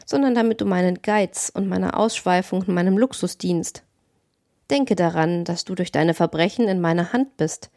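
A woman voicing a cynical, menacing male criminal in a calm, domineering audiobook reading. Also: medium pitch, no room sound, clean studio sound, natural voice. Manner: cold, domineering.

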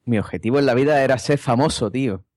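A man's voice: mid-range voice, fast talker, a little mellow, no echo, clean studio sound. Man telling jokey stories. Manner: jokey anecdote teller. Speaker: podcast co-host. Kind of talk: casual chat.

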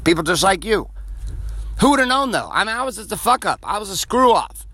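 A man's voice: high voice, sing-song, fairly quick, bright, forceful tone, no room sound. A man in his forties hosting a podcast, giving a blunt, profane motivational monologue. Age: 40s. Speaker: podcast host.

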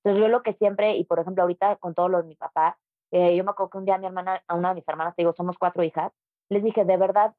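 A woman's voice: mid-range voice, no echo, narrow, tinny audio. A woman with a Mexican accent, a yoga teacher talking as a guest in a casual interview, emphatic and conversational.

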